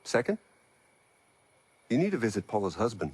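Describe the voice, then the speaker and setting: An actor playing a calm, persuasive male scientist in video game dialogue. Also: lowish voice, moderate pace, breathy edge.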